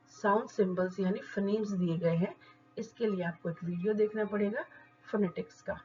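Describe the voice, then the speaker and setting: A woman's voice: medium pitch, muffled recording. Woman teaching English stress. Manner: slow deliberate word-by-word modelling of stress. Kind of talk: explanatory lesson.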